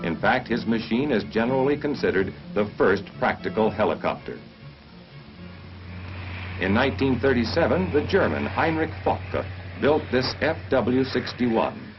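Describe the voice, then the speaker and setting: Over music on an old film soundtrack, an American man with a mid-range voice narrates a military training film from the mid-20th century. His formal, measured instruction has a sing-song quality, and the audio is dull.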